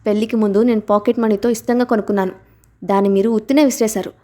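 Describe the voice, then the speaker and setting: Reading an audiobook, a woman voices an emotional young wife who quickly protests, raising her pitch and volume a little above her narration. The indignant performance is lightly acted, in a warm tone.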